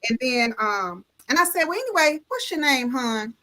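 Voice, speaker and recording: A notary from Illinois appears as a guest on a live talk show over a video call, telling a story in casual, colloquial speech and talking about her faith. She's a lively storyteller who acts out the voices of each person in the tale, speaking in a high-pitched voice at a moderate pace.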